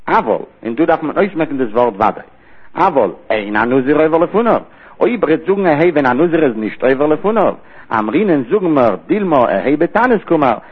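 A man's voice: a little high, husky. Talmud teacher, male, explains in short repeated phrases, tinny phone-quality recording. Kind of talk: Talmud study lecture.

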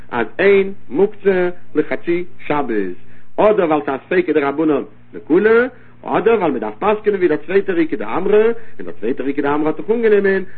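A husky man with a slightly raised voice gives a Talmud study lecture. He explains at a very quick clip, circling back over the same points in short bursts. The sound is thin and tinny, like a phone line. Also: sits high. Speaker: Talmud teacher.

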